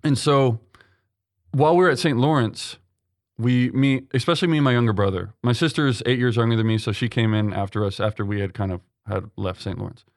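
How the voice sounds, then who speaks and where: This conversational interview features a young seminarian guest from Texas, USA, speaking a little fast in a medium-pitched voice. He responds earnestly but with frequent ums and restarts. The studio-quality recording has no room sound.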